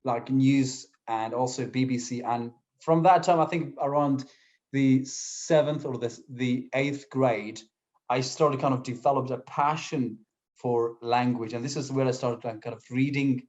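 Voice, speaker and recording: In slightly dull, lo-fi audio, a young man from Syria, whose native language is Kurdish, answers questions in English as a guest in a relaxed interview. His medium-pitched voice is steady, a little slow, and somewhat mellow, with frequent fillers and false starts.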